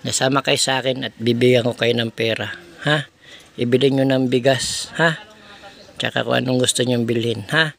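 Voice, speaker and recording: A man's voice: mid-range voice, fairly even intonation, moderate pace, creaky, fairly bright tone. A man filming a casual vlog, coaxing children to speak with short repeated prompts. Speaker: vlogger visiting a needy family.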